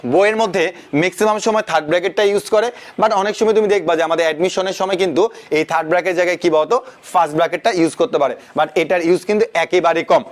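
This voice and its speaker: A young man tutoring a math class and mixing in English words. He keeps asking rhetorical questions to his students. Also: sits high. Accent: Bangladeshi Bengali. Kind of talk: online class lecture.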